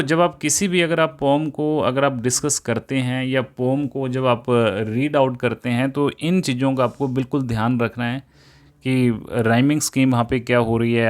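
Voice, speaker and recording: Guy teaching a poem lesson, repeats stuff a lot, reads lines real slow. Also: mid-range voice. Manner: explains patiently, repeats phrases, reads English lines slowly. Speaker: English teacher. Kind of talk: classroom lesson explanation.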